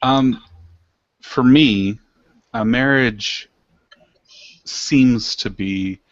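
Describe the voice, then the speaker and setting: A man's voice: medium pitch, drawn-out words, no echo. A man hosting a casual podcast discussion, speaking hesitantly as he searches for words, on a dull lo-fi recording. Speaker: podcast host. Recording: dull lo-fi, dry.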